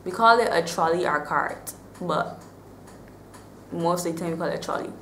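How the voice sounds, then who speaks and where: A woman's voice: lowish voice, normal speed, a bit bright. A woman in her twenties with a Barbadian accent, chatting casually to the camera as a vlogger. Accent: Bajan (Barbadian). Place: small bare-walled room indoors. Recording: roomy echo, faint background noise.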